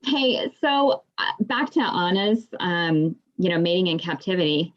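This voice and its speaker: A woman's voice: on the low side, expressive, a little slow. A woman in the audience of an online discussion, rambling with frequent "you know"s. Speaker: audience member. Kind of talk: casual discussion on a video call. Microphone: video call. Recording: dull lo-fi call audio.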